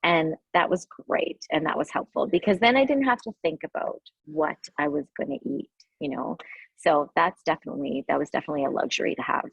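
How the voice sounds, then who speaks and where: A woman's voice: low-pitched, brisk, gravelly, husky, no echo, muffled recording. A woman guest on a podcast call, talking casually, laughing often and saying "like" a lot. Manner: warm, laughing, uses "like" a lot. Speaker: guest author and coach. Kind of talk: casual interview chat. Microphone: video call.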